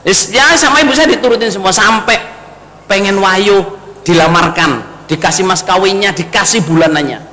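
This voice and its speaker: A man with an East Javanese accent, from East Java, preaches a storytelling sermon straight to his congregation, narrating with big swings. His voice is high, pushed and bright at a normal speed. Long hall reverb and faint background noise fill the recording.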